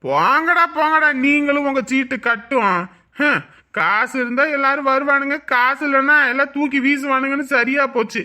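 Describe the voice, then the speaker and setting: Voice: sits high, moderate pace, bright, forceful tone. A performer playing a bitter, angry husband who mutters threats and bosses his sick wife around. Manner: harsh, bossy, muttering threats.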